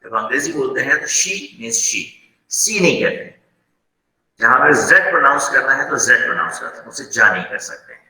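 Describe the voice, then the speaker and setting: A man's voice: medium pitch, fast, gravelly, sharp tone. A man with an Indian accent gives feedback to his students on an online class, switching between Hindi and English and calling them beta. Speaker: faculty moderator. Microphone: video call. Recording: roomy video call audio.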